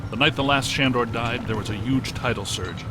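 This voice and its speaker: An actor playing Egon, an earnest, cerebral scientist ghost hunter in a video game, speaking in a precise, matter-of-fact, technical way. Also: male voice, medium pitch, fairly quick, music in the background, lightly acted. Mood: earnest, explanatory. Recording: loud ambient and vehicle noise behind.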